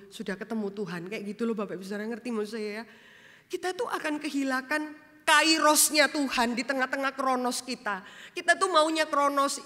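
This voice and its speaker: Woman pastor, fairly high voice, lively sermon delivery, reverberant church hall. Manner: animated storytelling, acts out quoted dialogue; swings between loud emphasis and soft low asides. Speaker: vicar preaching.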